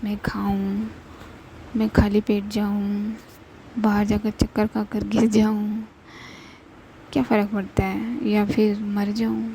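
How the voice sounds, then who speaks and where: A woman narrator puts on a young woman who hurries and snaps yet cares deeply. The voice is mellow and dark, with a gravelly rasp and little rise or fall. It sounds like a home-recorded storybook reading. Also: completely flat delivery, pauses often, slight background noise, close to an everyday voice, rough recording. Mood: teasing. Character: young woman, brisk and impatient but tender.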